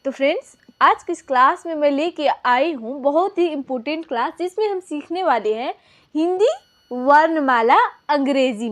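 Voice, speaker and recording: A young woman with a high voice teaches a lesson to her viewers. She poses questions and answers them herself, repeating each point so it sticks. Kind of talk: classroom lesson.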